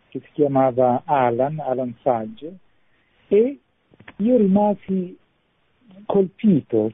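A man's voice: a little high, husky, no room sound. A man, a parish priest calling in as a guest, heard over a phone line, telling his story thoughtfully and searching for words with small restarts. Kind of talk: radio call-in testimony. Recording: tinny dry phone line.

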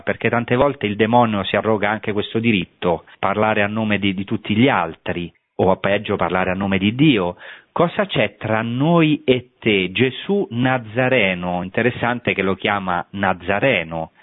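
A man's voice: fairly low pitch, no echo. A man giving an explanatory Bible lecture, thoughtful and hesitant as he searches for words. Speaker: Bible teacher. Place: on site at a historic holy place. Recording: thin phone-like radio broadcast.

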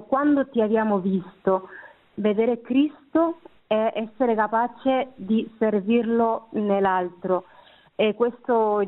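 An Italian-speaking woman gives a reflective personal testimony as a guest, searching for words, in narrow phone-like sound. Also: mid-range voice. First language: not Italian. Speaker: interview guest.

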